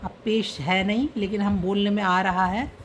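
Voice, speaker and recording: A woman's voice: medium pitch, steady tone, moderate pace, slight background noise. A woman teaching an online reading and writing lesson, patiently spelling out letters and their sounds one by one.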